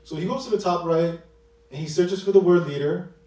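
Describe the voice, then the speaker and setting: A man's voice: a little high, fairly quick, mellow. A man from Queens, New York, giving a rehearsed, upbeat demo presentation as a developer. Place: large event hall. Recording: echoey hall mic from a distance.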